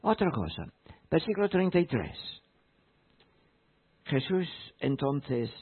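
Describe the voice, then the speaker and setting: A man preaching a sermon in a slow, emphatic way, repeating key phrases. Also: a little high, huge pitch swings, husky. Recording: tinny phone-like sound.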